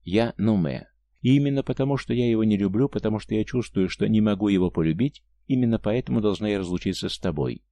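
A man's voice: lowish voice, fast talker, mellow, dry recording, lightly acted. A man reading an audiobook voices a proud, tender Martian woman, pleading earnestly with her raised tone. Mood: sorrowful.

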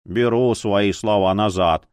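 A man's voice: medium pitch, very animated, moderate pace, no echo, clean studio sound. A man voicing an aging, easygoing male cook who jokes about himself and drawls in banter.

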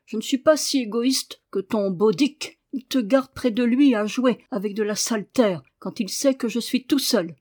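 A woman's voice: fairly high pitch, normal speed, few pauses, a little mellow, natural voice. A woman reading aloud and voicing a sickly, spoiled young boy with a whiny, imperious way of complaining. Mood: petulant furious.

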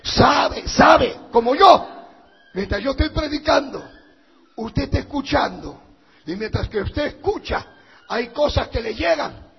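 A male pastor preaching a fiery sermon, swinging between shouting and hushed intensity. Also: very high-pitched, sing-song, moderate pace, vocal fry, husky. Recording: dull reverberant hall recording.

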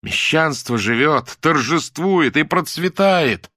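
A bookish, earnest young woman who lectures her friends, as a male narrator puts her on. Her voice sits lightly raised above his own, animated and preachy, recorded dry. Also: mid-range voice, moderate pace, no echo, pitched above the performer's own voice. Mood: indignant.

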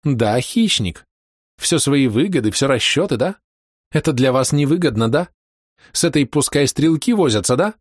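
A man voicing an excitable, passionate middle-aged woman who scolds and pleads with reproach. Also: medium pitch, normal speed, no echo, studio quality, pitched above the performer's own voice, close to an everyday voice. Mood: accusing.

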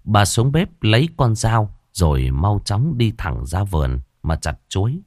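A man narrating an audio story in an expressive storytelling manner. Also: lowish voice, measured pace, no room sound, studio quality.

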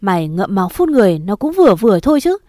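A scheming stepmother snaps out accusations in a quick, loud, shrill rush, as a woman storyteller puts her on. The voice sits at a middling pitch and sounds dry and close, with no room around it. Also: sing-song, no room sound, natural voice. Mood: spiteful accusing.

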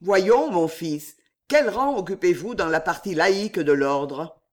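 Audiobook figure: a calm, commanding older Jesuit chief, slow and weighty, read by a man. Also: sits high. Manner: calm, authoritative.

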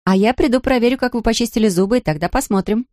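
Woman reader plays a tired but kind young nanny, gentle and patient, a little higher than her own voice. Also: quick pace, no room sound, clean studio sound, close to an everyday voice. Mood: firm.

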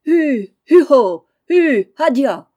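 A woman reading aloud voices a lively, cheeky young boy who drives a cart and shouts at the horse. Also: fairly high pitch, normal speed. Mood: boisterous. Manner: cheeky, boisterous. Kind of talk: audiobook character reading.

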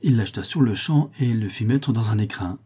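A man reads a literary novel aloud in a steady, expressive audiobook narration. His voice is low, dark and mellow, with a husky texture. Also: fairly quick. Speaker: audiobook reader.

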